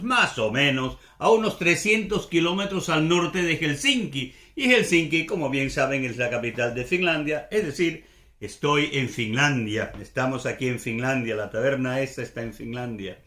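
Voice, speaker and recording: A man from Venezuela with a Venezuelan Caribbean accent, hosting a Spanish-language show in a relaxed monologue, rambling and thinking aloud with many hesitations. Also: a little high, reverberant. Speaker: Spanish language podcast host.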